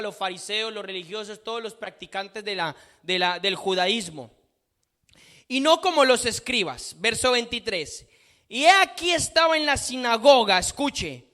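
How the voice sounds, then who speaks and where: A man's voice: very high voice, sharp tone. A man preaching a sermon, reading scripture aloud and repeating phrases for emphasis.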